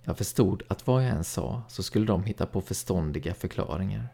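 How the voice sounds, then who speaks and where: A man narrating a first-person story in a calm, even storytelling read. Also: low-pitched, creaky, slightly rough. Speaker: audiobook narrator.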